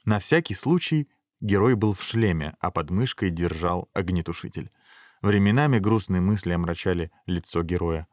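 A man with a low voice reads a fairy tale aloud, steady and measured. The recording is dry and close, with no room echo. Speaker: narrator. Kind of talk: storybook reading.

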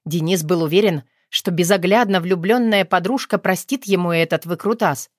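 A woman reading a novel aloud as audiobook narrator, measured and unhurried. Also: fairly low pitch, no room sound, clean studio sound. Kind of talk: scripted narration.

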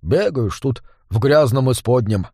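Gruff dwarf guy, bossy and blunt, dry close sound , as a narrator voices him. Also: medium pitch, lively intonation, a little slow, mellow, no echo. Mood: grumbling. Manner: gruff, grumbling.

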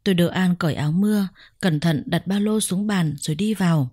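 A woman narrating a first-person story in a measured, reflective way. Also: fairly low pitch, dark tone, no echo, studio quality.

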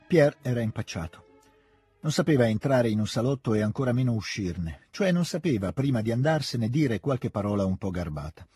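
Needs: male narrator for a classic novel; calm and measured, dark and husky, close dry studio sound. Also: medium pitch, no room sound, faint music behind. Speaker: reader. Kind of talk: scripted literary narration.

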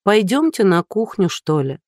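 A woman's voice: mid-range voice, very animated, moderate pace, a little mellow, no room sound, clean studio sound, pitched above the performer's own voice. A reader voicing a flustered, anxious blonde woman in her thirties, firing off nervous questions. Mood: wary.

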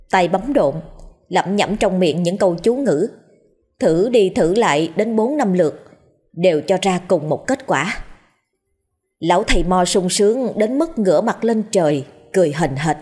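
Female storyteller for a horror tale, steady and dramatic, husky tone, faint music bed. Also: fairly low pitch. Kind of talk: scripted horror story narration.

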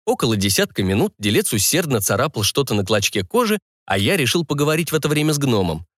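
Brief: male audiobook narrator, lively melodic delivery, dry close mic. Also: medium pitch, fast, dry recording. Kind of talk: scripted first-person narration.

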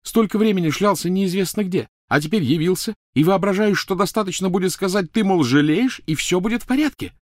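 A man voicing a furious teenage girl witch who shouts, shrieks and mocks with biting sarcasm. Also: high-pitched, animated, fairly quick, hardly any pauses, dry recording, studio quality, voice pushed up. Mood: sarcastic.

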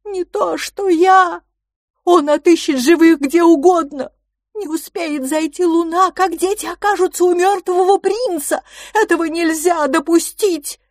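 A woman voicing a desperate, shaggy-browed male giant monster who shouts high and loud as he pleads for help. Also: measured pace, dry recording, clean studio sound. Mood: desperate pleading.

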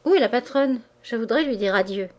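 Woman voicing a poised, sharp young wife. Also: fairly high pitch, animated, a little fast, lightly acted. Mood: teasing.

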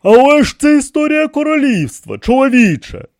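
An indignant young king in an audiobook, voiced by a male reader. He fires off sharp, incredulous questions in a raised voice with lively pitch swings, heard close and dry. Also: normal speed, no echo, heavily acted.

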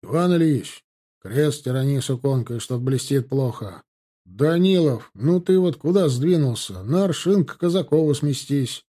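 A man's voice: mid-range voice, expressive, unhurried, dark tone. A man reading aloud, voicing a stern cavalry officer who barks orders at his troops. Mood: barking orders. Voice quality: barking, commanding. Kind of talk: audiobook character voice.

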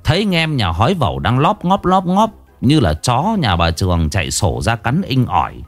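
A man's voice: mid-range voice, huge pitch swings, normal speed, soft background music. A man narrating a comic village story in a vivid storytelling manner.

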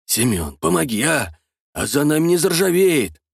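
A man voicing a weary, anxious collective farm chairman who speaks in a low, worried hush. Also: sing-song, moderate pace, creaky, slightly rough, dry recording, studio quality, heavily acted. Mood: pleading. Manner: hushed, worried.

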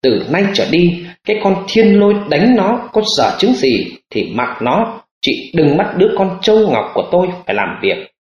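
A man's voice: sits high, big pitch swings, moderate pace, few pauses, reverberant, lo-fi sound, pitched above the performer's own voice. A man voicing a cruel, cursing middle-aged stepmother in an audiobook, scolding and hissing. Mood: ranting.

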